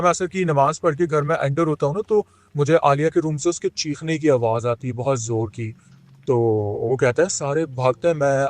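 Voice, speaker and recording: A man's voice: medium pitch, darkish tone, dry recording. Man telling a horror story. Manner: retells a friend's account with many pauses and fillers. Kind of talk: casual spoken horror storytelling.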